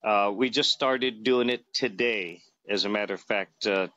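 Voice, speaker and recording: A man in his fifties, interviewed casually, talks in a meandering way with many fillers and restarts while a phone camera sits close to his face in a small room. His fairly low voice keeps a measured pace and sounds pushed and bright. No room sound comes through, and the highs are cut off.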